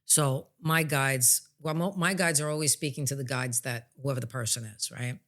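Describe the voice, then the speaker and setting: A plain-spoken psychic medium and podcast host casually explains her spiritual healing work in an informal, conversational way. Her voice is rumbling low and fairly bright, with fairly even intonation at a normal speed.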